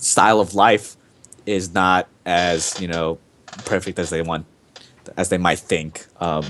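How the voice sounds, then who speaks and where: A man's voice: low-pitched, a little hiss or hum. A young man hosting a casual podcast, talking in a rambling, enthusiastic way full of fillers. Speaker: podcast host.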